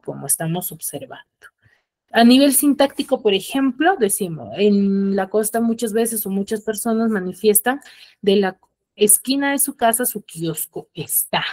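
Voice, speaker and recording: A woman teacher from the highlands, giving an online class and checking in with her students through frequent tag questions. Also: lively intonation, normal speed, darkish tone. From Peruvian highlands.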